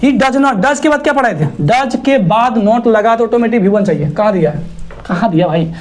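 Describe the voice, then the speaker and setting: A man's voice: extremely high pitch, moderate pace, a little hiss or hum. Teasing male grammar teacher. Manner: teasing, scolding rhetorical questions; lively, spells words letter by letter. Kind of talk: exam-prep grammar lesson.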